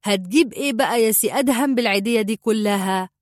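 A woman voicing a joking young man with an Egyptian accent, teasing and quick. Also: fairly high pitch, no echo, studio quality, close to an everyday voice. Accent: Egyptian Arabic.

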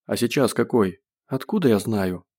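A man playing a tough, controlled man who speaks calmly and curtly with dry humor. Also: lowish voice, moderate pace. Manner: calm, curt, dry humor.

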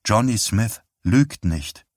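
A man voicing a furious middle-aged wife in an audiobook, speaking flat and clipped with restrained anger. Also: mid-range voice, normal speed, breathy edge, dry recording, clean studio sound. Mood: tight, angry. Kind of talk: audiobook character reading.

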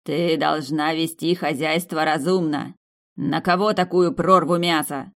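A woman voicing a rude, domineering male tavern owner who talks in a gruff, barking way. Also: deep voice, fairly even intonation, unhurried, a bit bright. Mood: lecturing.

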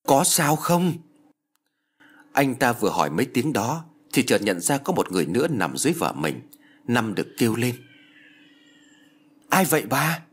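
A man narrating a ghost story in a dramatic, expressive reading. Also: on the low side, breathy edge. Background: faint background music.

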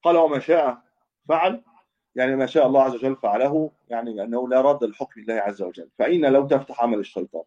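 Fast-talking sheikh, dull lo-fi recording. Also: male voice, medium pitch, warm tone, slightly rough. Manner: explanatory, repeats and restates points, self-corrects. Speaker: Islamic scholar teaching hadith. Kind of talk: religious lesson commentary.

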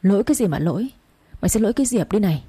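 A tearful, scolding old village mother, as a woman narrator puts her on, talking fast and pitched up. The voice stays warm and mellow with a husky grain, and she rebukes her grown son in a storybook reading. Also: animated. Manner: scolding, quick, rising.

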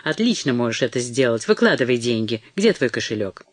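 A man's voice: mid-range voice, sing-song, a little fast, no echo, clean studio sound, voice pushed down. A man doing a curt, scheming son. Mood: demanding. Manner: curt, bitter and demanding. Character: rude, scheming young grown son.

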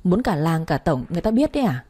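A woman voicing a stern older father who scolds with loud questions. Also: on the low side, very animated, quick pace, husky.

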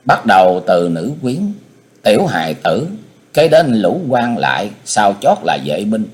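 A man narrating a martial-arts novel as an audiobook, with an expressive storytelling cadence. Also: fairly low pitch, unhurried.

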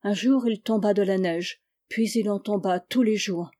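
A woman narrating a literary story as an audiobook, with expressive, dramatic delivery. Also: mid-range voice, normal speed. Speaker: audiobook reader.

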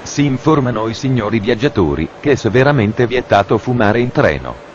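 A man making deadpan, formal mock train announcements, as if heard over a train station PA system. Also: medium pitch, brisk, muffled recording, a little hiss or hum.

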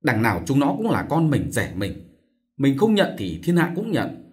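A man voicing a gentle, persuasive middle-aged aunt who soothes and coaxes, in a storybook reading. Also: medium pitch, huge pitch swings, normal speed. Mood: coaxing. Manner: soothing, coaxing.

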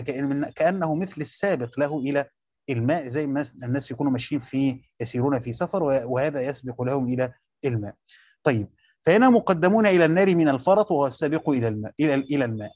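Man, quick lesson talk, questions he answers himself, dry dull recording. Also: fairly high pitch, a little mellow, husky, dry recording. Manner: repeats key phrases, asks and answers own questions. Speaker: Quran commentary teacher. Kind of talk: explaining a text line by line.

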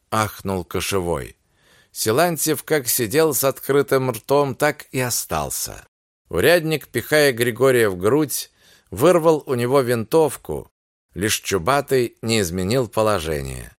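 A male audiobook narrator telling a literary story in a slow, measured way. His pitch moves in lively turns through each sentence. The sound is dry and close, with no room around it. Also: no room sound.

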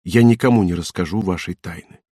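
A man's voice: deep voice, mellow, husky, no room sound, clean studio sound. Marius, a man doing an earnest young husband. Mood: reassuring. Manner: earnest, measured.

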